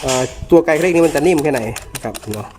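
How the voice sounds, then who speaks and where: A man with a Northeastern Thai Isan accent talks casually through an unboxing, his voice sitting a little high for a man. He jokes as he goes and calls his viewers brothers and sisters, with faint music underneath. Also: animated, rapid-fire. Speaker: chainsaw repairman and reviewer. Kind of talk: casual product unboxing review.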